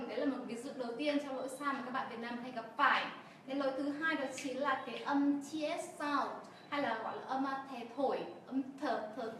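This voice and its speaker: A woman's voice: high-pitched, a bit bright. A woman co-host recapping the teacher's points for learners in an explanatory, teacher-like way, with fillers. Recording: very echoey room, distant mic, faint noise.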